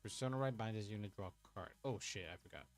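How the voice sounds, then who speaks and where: Streaming an online card game, this young man from Puerto Rico talks fast in a lowish voice, casually commenting on his plays. He mutters, thinks aloud, and swears at his own choices while quiet background music plays.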